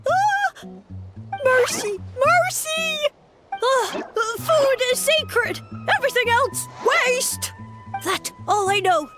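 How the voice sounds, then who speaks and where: A woman voicing a small, excitable and fearful fungus creature in a game, speaking in broken, clipped phrases. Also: extremely high pitch, slow, music in the background, heavily acted. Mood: panicked pleading.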